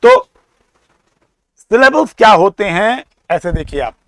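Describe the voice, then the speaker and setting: A man with an Indian accent giving a classroom lecture, explaining slowly, repeating and sounding out words. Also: high-pitched, huge pitch swings, a bit bright, no echo. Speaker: teacher.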